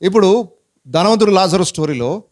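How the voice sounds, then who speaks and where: A pastor preaching a Bible-teaching sermon in a conversational way, asking many rhetorical questions and mixing in English words. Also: male voice, high voice, animated, normal speed, darkish tone. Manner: mixes English words into his speech.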